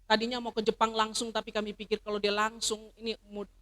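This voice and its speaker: A middle-aged woman pastor preaching a sermon, swinging from loud emphatic declarations to soft personal stories. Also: a little high, monotone, quick pace. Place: church service.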